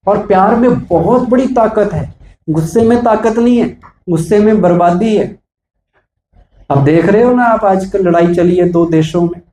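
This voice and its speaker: A man's voice: sits high, dark tone, echoey room, a little hiss or hum, poor audio. A man, a spiritual speaker, giving a preachy motivational talk to police staff. He asks rhetorical questions and acts out everyday examples.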